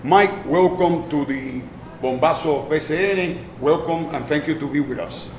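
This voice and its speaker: A Puerto Rican man hosts a sports interview segment, hitting each sponsor name with punch before switching to halting English questions. His voice sits a bit high. The sound is roomy, with faint noise behind it. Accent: Puerto Rican Spanish. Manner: emphatic ad-style sponsor plugs. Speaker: interviewer and sports show host. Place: restaurant.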